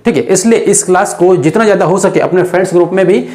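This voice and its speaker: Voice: mid-range voice, fast talker, darkish tone. An online exam-prep teacher giving a recorded video lesson, patiently drilling word sounds and constantly checking in with the viewer. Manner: patient, drills pronunciation with repeated "okay" checks; asks questions then answers them.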